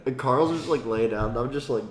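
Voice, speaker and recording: A man's voice: medium pitch, brisk, crowd noise. A young man in his twenties co-hosting a podcast, rambling and joking in casual chat with a hesitant manner. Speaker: podcast co-host. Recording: echoey room with faint noise.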